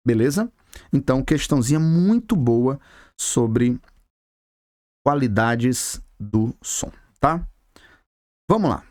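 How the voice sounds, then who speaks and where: A Brazilian man with a Brazilian Portuguese accent teaches a physics video lesson in a classroom with a board, chatting straight to the viewer in casual slang. His mid-range voice has a darkish tone, captured in studio quality with no room sound.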